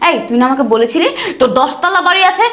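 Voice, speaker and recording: A woman's voice: high-pitched, expressive, fast. A woman playing a sneering, rich young bride. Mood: contemptuous. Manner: shouting insults, sneering. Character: arrogant rich young bride, scornful and cruel. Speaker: actress in a short drama. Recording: echoey room.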